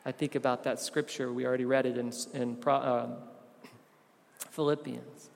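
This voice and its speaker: A man preaching a sermon as a pastor, rising to loud emphatic stretches and dropping to soft, low asides. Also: level tone, moderate pace, vocal fry. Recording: long reverb of a large room.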